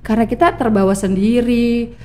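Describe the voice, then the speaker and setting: A woman's voice: a little high, steady tone, moderate pace, darkish tone. A woman from Indonesia who is a former radio announcer, talking as a podcast guest in a chatty, explanatory way, teaching through examples. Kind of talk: casual podcast interview.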